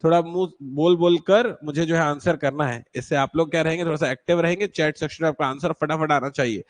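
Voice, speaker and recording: A man's voice: a little high, steady tone, quick pace. A man teaching an online class, patiently quizzing students and checking whether anyone is struggling. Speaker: exam-prep English teacher.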